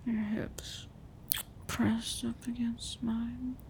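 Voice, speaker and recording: A woman speaks in a sultry whispered role-play as a tender lover. Her breathy murmur is very slow and soft-edged, intimate and close to the mic. There is noticeable background noise. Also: on the high side, level tone. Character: sultry, affectionate female lover.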